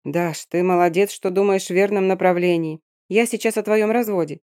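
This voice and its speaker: Sarcastic bossy woman lawyer, read by a female narrator, brisk, lowish voice, dry close sound. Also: fairly even intonation, a little mellow, no room sound, close to an everyday voice. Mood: reassuring.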